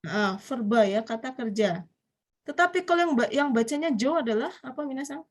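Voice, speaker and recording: A woman's voice: sits high, lively intonation, a little fast. A woman with an Indonesian accent teaching a Japanese grammar class online, explaining step by step and often putting questions to her students.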